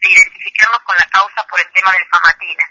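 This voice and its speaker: A woman's voice: medium pitch, steady tone, fast talker, pushed and bright, husky, dry recording. A woman, calling in as an activist and giving testimony hesitantly, with many fillers. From Chilecito, Argentina. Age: 30s. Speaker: activist caller. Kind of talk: phone interview testimony. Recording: muffled noisy phone line.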